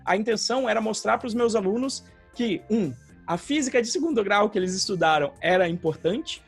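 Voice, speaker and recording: High, gravelly Brazilian man explaining. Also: lively intonation, a little fast, soft background music. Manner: explanatory, frequent "tá?" tag questions. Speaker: podcast co-host, programming teacher. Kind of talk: casual podcast chat.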